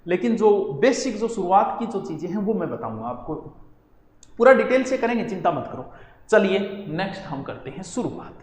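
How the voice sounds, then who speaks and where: A man teaching an exam-prep lecture, animated, asking and answering his own questions. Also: sits high, moderate pace. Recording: echoey room with long reverb.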